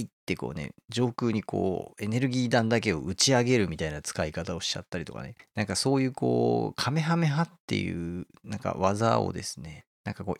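A man's voice: lowish voice, vocal fry, no echo, studio quality. A man hosting a casual talk, explaining a favourite manga and often chuckling as he goes. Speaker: host.

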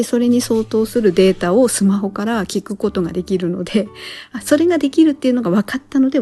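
A woman with a warm, mellow voice talks easily through a solo podcast episode, pausing often as she thinks aloud. Her voice sits at a middle pitch, and soft music plays faintly underneath. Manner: relaxed and chatty, thinks aloud with many pauses. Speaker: podcast host. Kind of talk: casual solo podcast talk.

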